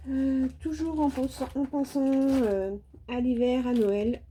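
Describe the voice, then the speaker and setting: A woman's voice: sits high, steady tone, takes it slowly, noisy background. A woman from France chatting casually through a craft haul, hesitant and stumbling over her words with many fillers. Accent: French. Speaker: craft vlogger. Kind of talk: casual show-and-tell haul.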